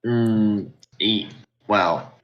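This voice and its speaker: A man acting as game master, narrating and making rulings in a measured, matter-of-fact, casual way. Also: on the low side, highs cut off.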